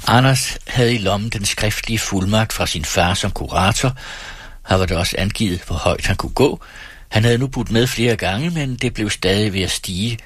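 A man reads an audiobook in a low, husky voice at a steady, measured pace. The recording is dry and close, with no room sound around it. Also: dry recording. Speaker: audiobook reader. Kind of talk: audiobook narration.

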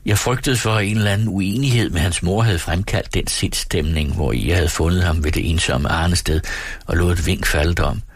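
A man with a low, husky voice narrates a classic novel in the first person, measured and even. The recording is close and dry, with no room sound. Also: no echo. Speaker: audiobook narrator.

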